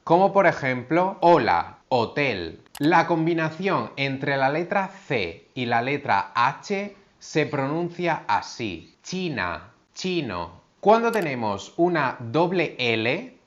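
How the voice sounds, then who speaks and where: A man's voice: a little high, very animated, slow pace, few pauses, highs cut off. A man teaching pronunciation, carefully spelling out sounds and example words. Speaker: language teacher. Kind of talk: slow, clear pronunciation lesson.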